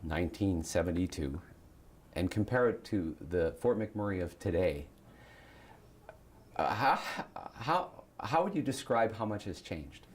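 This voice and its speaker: A man hosting a morning interview show, chatty and animated, his voice hoarse and scratchy today. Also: low-pitched, measured pace. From Saskatchewan. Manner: lively, chatty, animated questioning. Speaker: show host.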